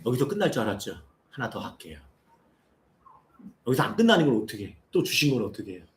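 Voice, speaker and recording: A man's voice: medium pitch, big pitch swings, fast talker, a little hiss or hum. A male pastor in his forties preaching a sermon, firing rhetorical questions at the congregation and building to impassioned appeals. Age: 40s. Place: church sanctuary. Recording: echoey church sanctuary.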